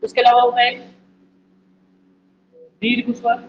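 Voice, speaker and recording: High-voiced male teacher quizzing students. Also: monotone, unhurried, highs cut off. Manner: repeats points and quizzes the listeners with questions. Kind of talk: exam-prep lecture. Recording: echoey room, faint background noise.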